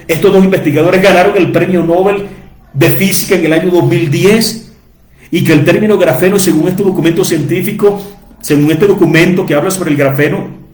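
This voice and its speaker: A man's voice: a little high, a little mellow, reverberant. A man teaching from the Bible to his listeners, repeating key words and asking rhetorical questions for emphasis. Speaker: preacher.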